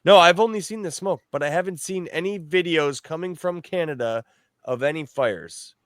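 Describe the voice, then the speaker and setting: A man's voice: a little high, normal speed, no echo, studio quality. A man co-hosting a podcast in casual chat, laid-back and jokey with plenty of swearing, from the northern US. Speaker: podcast co-host.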